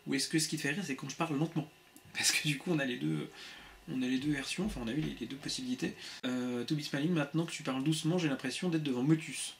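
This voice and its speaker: A man hosting a casual livestream from a home room on a laptop webcam, reading viewers' messages aloud in a quick, playful way with many restarts. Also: a little high, fairly even intonation, vocal fry, a little hiss or hum. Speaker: livestream host. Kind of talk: casual live chat with viewers. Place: home room with shelves of CDs.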